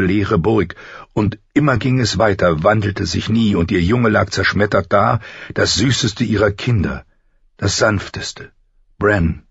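A man narrating an audiobook in a measured, even storytelling manner. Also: deep voice, creaky, slightly rough, dry recording, dull audio.

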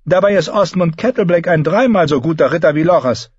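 A man's voice: fairly high pitch, fairly quick, husky, no room sound, highs cut off, pitched above the performer's own voice. A man reading an audiobook, voicing a cold, commanding queen who talks down to her son. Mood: imperious. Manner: commanding, cutting, condescending. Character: imperious queen mother, cold and sharp.

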